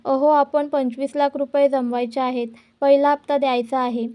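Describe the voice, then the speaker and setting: A woman's voice: high voice, flat delivery, moderate pace, muffled recording, natural voice. Woman reading as a firm, devoted young wife. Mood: firm pleading. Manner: firm and earnest.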